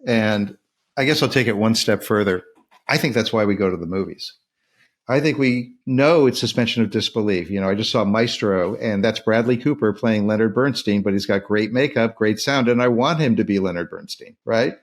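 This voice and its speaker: A man's voice: on the low side, normal speed. A man hosting a podcast, asking questions and animatedly retelling scenes in a casual film discussion. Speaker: podcast host.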